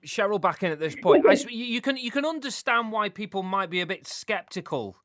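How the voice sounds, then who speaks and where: Man, radio interviewer, fairly high voice, conversational, stammery starts, dry close sound. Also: lively intonation, fairly quick, no room sound.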